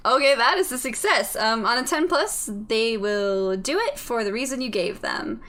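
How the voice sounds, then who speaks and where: Slightly high-voiced woman game master. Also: lively intonation, a bit bright. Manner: casual, halting with fillers. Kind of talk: narrating a tabletop game.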